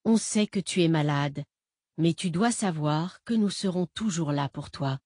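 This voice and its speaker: A smooth, condescending impostor father, put on by a woman narrating a novel, speaks low and hushed. He soothes and talks down with unsettling calm. The recording is close and dry. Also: unhurried, dry recording. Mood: patronizing. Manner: soft, patronizing, soothing.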